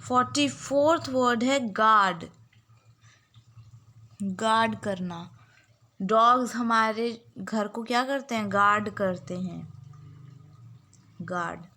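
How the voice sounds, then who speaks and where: A woman's voice: on the high side, slow, long pauses, bright, forceful tone. A young woman teacher giving a spelling lesson, dictating words and spelling them out letter by letter. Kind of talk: spelling lesson for exam students.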